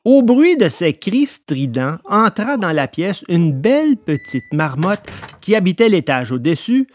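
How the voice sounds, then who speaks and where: A man narrating a storybook in an expressive telling voice. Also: high voice, unhurried, lo-fi sound, slight background noise.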